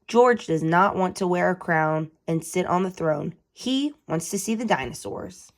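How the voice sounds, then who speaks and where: A woman host reading a storybook aloud for children, animated and asking her listeners questions. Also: lowish voice, measured pace.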